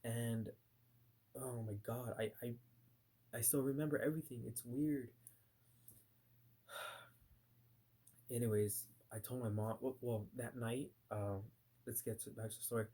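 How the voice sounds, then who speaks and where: A man recounts a personal experience in loose, casual talk, heavy with fillers and restarts. His voice sits at an ordinary middle pitch, and he slips into short acted-out lines of what he said back then. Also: steady tone, measured pace, pauses often, dark tone. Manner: voices his own past reactions in bursts. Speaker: vlogger recounting a nightmare.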